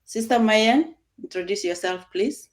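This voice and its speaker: A woman's voice: medium pitch, measured pace. A woman hosting an online video chat with friends, speaking earnestly and welcoming her guests. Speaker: host.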